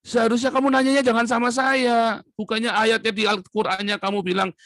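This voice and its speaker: A man delivering an impassioned monologue to his viewers, swinging between loud outbursts and low muttering. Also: little pitch movement, fairly quick, no room sound, clean studio sound. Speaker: online commentator.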